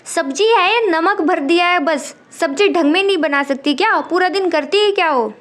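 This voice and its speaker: A woman voicing an angry, irritable husband who shouts and scoffs at his wife. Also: very high-pitched, moderate pace. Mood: irritated. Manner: shouting, scornful.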